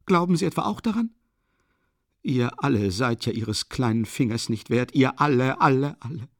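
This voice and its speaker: A man voicing a desperate, sick mother who sobs and screams hoarsely in an audiobook. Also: lively intonation, moderate pace, no echo, clean studio sound, natural voice. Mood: wailing, desperate. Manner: frantic pleading, high wailing cries. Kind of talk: audiobook character voice.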